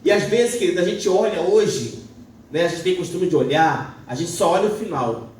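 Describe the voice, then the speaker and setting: A man's voice: high-pitched, expressive, normal speed. A man preaching casually at a couples' church service, speaking to listeners in an informal, friendly way. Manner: warm, informal asides, addresses listeners as "querido". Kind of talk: conversational preaching. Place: church hall. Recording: very echoey hall, distant mic.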